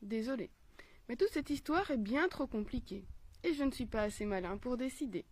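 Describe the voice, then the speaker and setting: Brief: meek, hesitant storybook rat who plays dumb, read by a woman, high voice. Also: lively intonation, moderate pace, darkish tone, dry recording. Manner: hesitant, falsely naive. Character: timid, simple-minded male rat, sly glutton. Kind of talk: storybook reading aloud.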